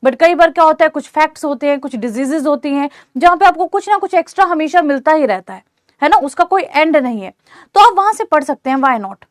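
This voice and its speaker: A woman's voice: high voice, lively intonation, a little fast, no echo, clean studio sound. A woman teacher giving an online exam-prep lecture, reassuring her students and checking in often to ask whether they follow. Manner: reassuring, repeats "theek hai" to check understanding.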